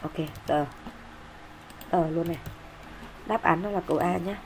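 Brisk woman explaining exam answers. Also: on the low side, darkish tone, a little hiss or hum. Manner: brisk, explanatory, frequent fillers. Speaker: English teacher.

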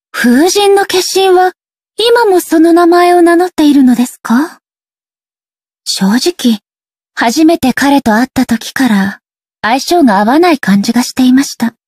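An actress voicing a stern, ageless female shogun deity in a video game, speaking in a formal, measured, detached way. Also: a little high, darkish tone, breathy edge, dry recording, studio quality. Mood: cool, wry. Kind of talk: scripted video game character voice lines.

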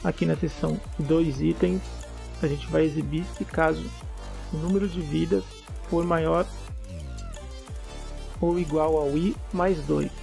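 A man talks through a coding tutorial in a relaxed, step-by-step way, often checking in with the listener. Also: fairly high pitch, a little slow, vocal fry, pauses often, soft background music. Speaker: programming tutor. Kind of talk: casual screencast coding tutorial.

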